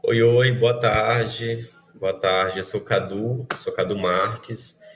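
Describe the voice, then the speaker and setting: A young man introduces himself on an online panel over a video call. His voice is deep and low, and he talks slowly, with small fillers. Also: fairly even intonation, fairly bright tone. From São Luís, Maranhão, Brazil. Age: young adult. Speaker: filmmaker, panel guest.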